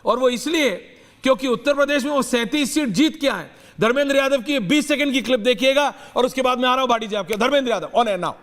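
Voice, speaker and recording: A man's voice: very high voice, fast talker, fairly bright tone, long reverb tail. A man anchoring a live TV news debate, cueing panelists and dropping English phrases into Hindi.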